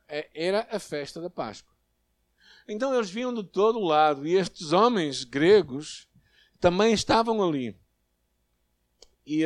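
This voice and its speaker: A man with a European Portuguese accent preaching a sermon, earnest and measured, with hesitations and emphatic rises. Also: high voice, no echo, studio quality. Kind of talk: sermon with prayer and Bible reading.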